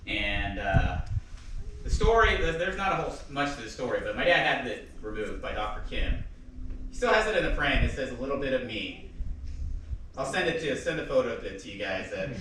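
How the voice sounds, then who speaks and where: A man giving a casual eulogy for his father, telling stories, laughing and loudly quoting outbursts. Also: mid-range voice, a little hiss or hum. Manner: chatty storytelling with laughs and loud quoted outbursts. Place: funeral service hall. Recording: echoey hall from far off.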